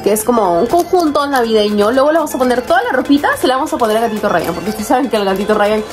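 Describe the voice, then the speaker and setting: A young woman chatting casually as she unboxes toys, excitable, often squealing over cute little figures. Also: on the high side, rapid-fire, faint music behind. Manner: chatty, uses many diminutives. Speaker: toy collector vlogger.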